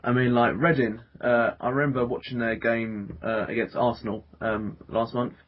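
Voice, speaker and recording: A man's voice: medium pitch, level tone, moderate pace. A man hosting a casual football podcast, talking with many fillers and restarts. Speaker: podcast host. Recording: dull lo-fi podcast audio.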